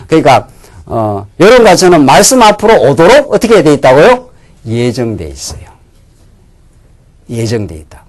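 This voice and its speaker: A man preaching a sermon in a church, asking his listeners questions and answering them himself, sometimes dropping to a hushed near-whisper. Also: on the high side. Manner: drops to a hushed near-whisper for inner thoughts. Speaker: pastor.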